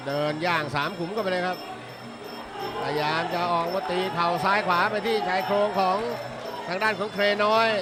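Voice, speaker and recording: A man doing excited boxing commentary and announcing Muay Thai fights. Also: high-pitched. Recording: loud music behind the commentary. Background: loud music.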